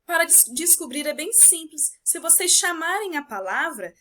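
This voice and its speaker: A Brazilian woman teacher with a Brazilian Portuguese accent, explaining a lesson to her pupils and drawing out words slowly to show their stressed syllables. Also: very high voice, very animated, pushed and bright, slight background noise. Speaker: primary school teacher. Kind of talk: recorded remote class explanation.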